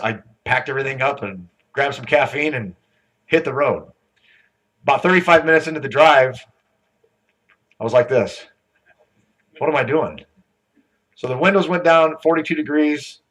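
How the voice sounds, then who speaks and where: A man's voice: mid-range voice, moderate pace, fairly bright tone, poor audio. A man emceeing a conference on stage, telling rambling jokes before introducing the next speaker. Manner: joking, rambling storyteller.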